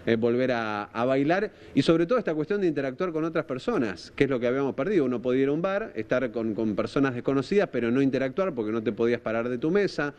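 Outdoors at night beside a park, a thirties-aged man with a Rosario Argentine accent reports live and unscripted for TV, speaking informally and haltingly and repeating words as he thinks. His mid-range voice is animated and darkish, captured lo-fi on a handheld mic through a face mask.

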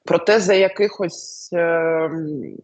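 A woman's voice: fairly low pitch, takes it slowly, a little mellow, dull audio. A woman answering questions with predictions, hesitant and filler-heavy, often trailing off into loose lists. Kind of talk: casual spoken predictions.

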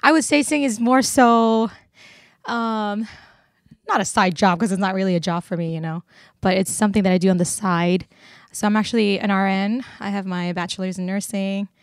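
A woman's voice: medium pitch, moderate pace, clean tone, no room sound, studio quality. A woman in her twenties from Burma, a singer and nurse, chatting casually as a podcast guest. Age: 20s. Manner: relaxed, chatty, laughs easily. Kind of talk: casual interview chat. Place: small indoor studio set on a couch. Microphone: handheld microphone.

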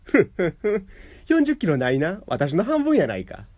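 A man reading a story voices a furious, newly super-strong woman who shouts insults and taunts in a Kansai accent. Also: fairly low pitch, wildly swooping pitch, normal speed, slightly rough, no echo, pitched above the performer's own voice, heavily acted. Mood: gloating.

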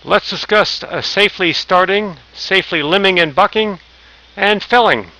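A man's voice: high voice, normal speed, bright, forceful tone, a little hiss or hum, poor audio. A man narrating a safety training slideshow, reading lists aloud with small slips and restarts. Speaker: safety instructor.

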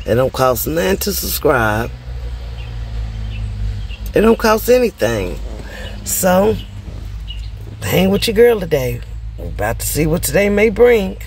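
A woman's voice: on the low side, big pitch swings, measured pace, long pauses, darkish tone, a little hiss or hum. A middle-aged woman chatting casually to her phone camera from a parked car, greeting viewers in a sing-song way and calling them y'all. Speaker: vlogger. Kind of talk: casual vlog chat to camera. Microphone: phone held at arm's length.

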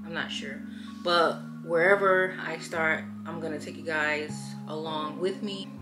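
A woman's voice: deep voice, steady tone, unhurried, over music. A young woman casually walking through her apartment on camera, rambling with lots of fillers and restarts. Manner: rambling, filler-heavy, self-correcting. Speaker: home vlogger. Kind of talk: casual home tour narration. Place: small apartment, indoors.

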